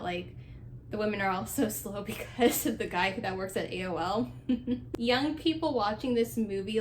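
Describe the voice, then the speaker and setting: A woman's voice: medium pitch, slight background noise. A young woman chatting casually and sarcastically as she recaps a movie, laughing often. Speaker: vlogger. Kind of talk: casual movie recap while doing laundry.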